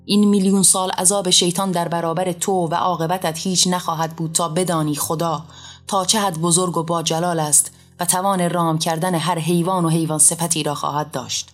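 A woman's voice: lowish voice, steady tone, faint music behind, lightly acted. Woman voicing a roaring wrathful god. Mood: furious. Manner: shouting, commanding. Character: wrathful almighty male deity on a throne.

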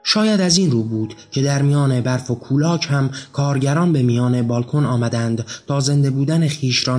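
A man reads a literary story aloud in a measured, somber voice of ordinary pitch. Soft music plays faintly under his narration.

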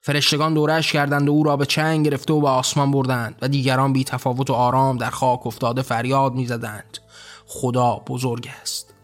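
A man reading a dramatic story aloud in a measured, solemn way. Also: medium pitch. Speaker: narrator.

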